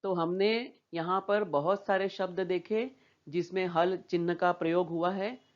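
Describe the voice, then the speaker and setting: A woman's voice: fairly low pitch, steady tone, a little slow, dull audio. A woman teaching a primary school lesson, patiently repeating words and asking questions back to the children. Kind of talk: slow classroom lesson for young children.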